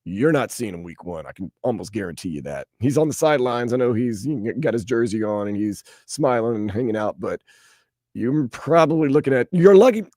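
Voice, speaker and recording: A man's voice: brisk, no echo, clean studio sound. A man hosting a postgame sports call-in radio show, talking players and taking calls. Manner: animated, pitches the phone number.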